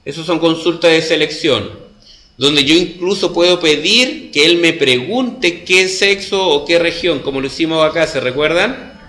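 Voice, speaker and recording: A man's voice: a little high, moderate pace, sharp tone. A man with a Chilean Spanish accent teaching a computer class, explaining step by step and checking that his students follow. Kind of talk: classroom lesson. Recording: echoey classroom.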